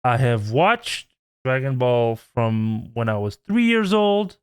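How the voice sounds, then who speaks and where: Man, twenties, host; earnest pleading rant, smooth clear voice, unhurried. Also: medium pitch, big pitch swings. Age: 20s. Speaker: channel host. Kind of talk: heartfelt vlog rant.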